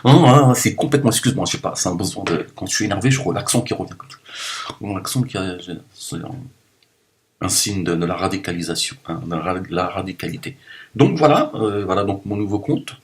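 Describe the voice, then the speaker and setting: A man talking straight to his viewers in a loose, rambling monologue, joking and swinging between loud bursts and low mumbles. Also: fairly quick. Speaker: video blogger.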